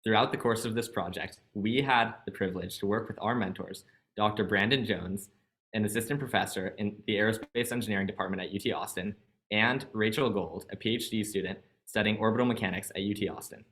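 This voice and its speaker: A young man from California opening and presenting a student project on a video call, polite and measured. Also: fairly low pitch, a bit bright.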